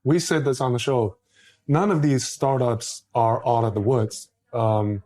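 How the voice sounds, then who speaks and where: A man co-hosts a casual roundtable talk. He leans hard on the words he wants to stress and pauses with hesitations in between. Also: medium pitch, steady tone, dark tone. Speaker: podcast co-host.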